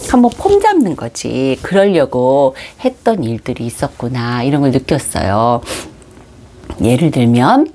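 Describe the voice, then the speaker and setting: A woman's voice: a bass voice, unhurried. A middle-aged woman teaching a children's devotional as a Sunday school teacher, talking straight to the kids and acting out little quotes as she goes. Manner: animated, acts out quotes for children; speaks directly to kids, warm storytelling teacher tone.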